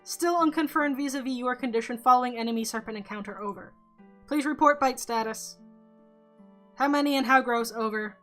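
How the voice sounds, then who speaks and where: A woman's voice: a little high, brisk, fairly bright tone, faint music behind. A woman voicing a paranoid teenage boy in a put-on robotic voice, speaking in terse, clipped radio talk. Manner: terse, clipped, ends each turn with "over". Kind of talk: reading a story game aloud.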